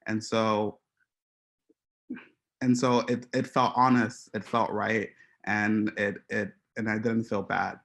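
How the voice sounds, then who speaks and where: A man from Haiti giving an artist talk about his photographs, speaking in a hesitant, reflective way with many pauses and restarts. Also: fairly low pitch, level tone, a bit bright. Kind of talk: presenting slides to an audience.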